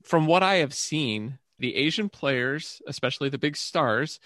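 Low-key male sports reporter, dry recording. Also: animated, a little slow, sharp tone, no echo. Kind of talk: discussion.

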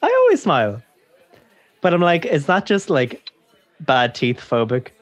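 A man's voice: on the high side, very animated, unhurried. A young man chatting casually as a podcast co-host, with informal banter and some swearing. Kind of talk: casual chat. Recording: dull lo-fi podcast audio.

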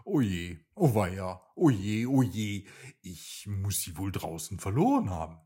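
A man voicing a small, brave young rabbit in a bedtime story, with excited, fretful exclamations. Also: low voice, a little slow, breathy edge, full character voice. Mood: fretful, eager.

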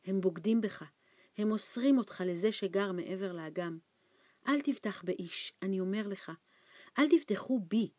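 A woman reading an audiobook, voicing a frightened, starving old man who talks in anxious, hushed pleas. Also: dry recording, lightly acted. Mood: fearful. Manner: anxious hushed pleading, raised pitch. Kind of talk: audiobook character voice.

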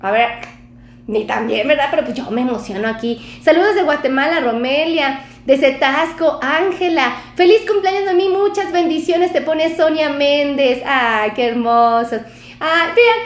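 Effusive high-voiced Mexican woman doctor. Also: roomy sound, slight background noise. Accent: Mexican Spanish. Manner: warm, effusive, chatty. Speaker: doctor hosting a live stream. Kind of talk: casual live stream chat, reading out comments.

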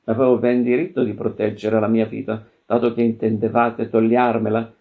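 A man's voice: mid-range voice, vocal fry, mellow. A man reading aloud the pleas of a cunning, shameless monk. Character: shameless cunning male monk, smooth talker.

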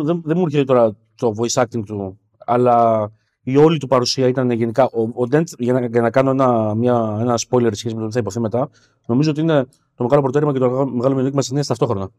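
Man critiquing a film, halting. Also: mid-range voice, dark tone. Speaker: podcast co-host. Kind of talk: casual film discussion.

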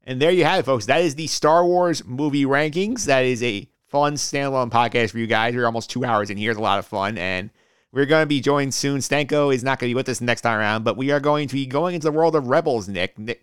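A young man hosts a casual podcast, moving the talk along quickly. His voice is smooth and crisp, and he speaks at a brisk clip. The sound is dry and close. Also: mid-range voice, dry recording. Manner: quick, upbeat, wrapping up segments. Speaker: podcast host.

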